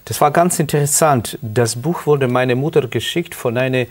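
A middle-aged man from Ukraine with a Ukrainian accent, earnestly telling his life story as a guest in halting German. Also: mid-range voice, husky. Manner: earnest, halting non-native German with restarts. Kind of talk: personal testimony interview.

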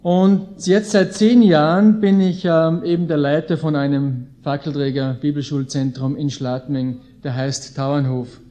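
A visiting preacher and Bible school leader in his late thirties, with an Austrian accent, preaches to a live indoor audience in an informal, folksy way, stressing key phrases. His fairly high, mellow voice is steady and unhurried, with few pauses.

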